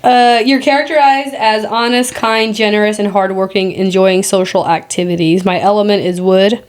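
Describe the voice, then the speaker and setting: A woman in her thirties co-hosts a relaxed podcast chat. She chimes in with frequent short agreements. She also reads lists aloud and reacts to them conversationally. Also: mid-range voice, moderate pace. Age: 30s. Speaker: podcast co-host. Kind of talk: casual chat.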